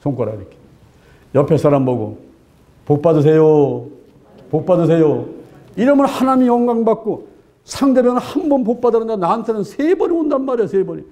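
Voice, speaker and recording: A middle-aged male pastor preaching a sermon in a colloquial, animated way, acting out little scenes in voices. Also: extremely high pitch, fast talker. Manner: colloquial, asks the congregation "예?" often.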